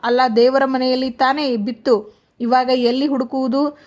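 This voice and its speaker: A woman voicing a fretful young woman talking to herself, in a high, flat voice. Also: normal speed, natural voice.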